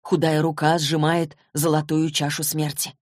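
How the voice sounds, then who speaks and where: A woman narrating a novel in an even, measured reading. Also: low voice, no echo, studio quality. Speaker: audiobook narrator. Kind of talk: scripted narration.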